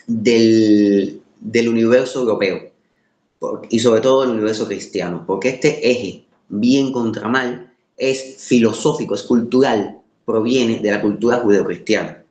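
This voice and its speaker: A lowish-voiced man with a Caribbean Spanish accent lectures informally in a roomy, echoing space. He searches for his words in a halting way, then drives points home with emphatic repetition. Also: darkish tone. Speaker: course lecturer.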